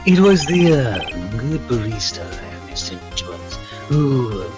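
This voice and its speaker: A man's voice: mid-range voice, sing-song, a little slow, music in the background. A man voicing a formal, evasive hotel bellboy in a game read-along, hesitant and old-fashioned in his politeness, with a sinister edge. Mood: formal, servile. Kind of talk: video game read-along role-play.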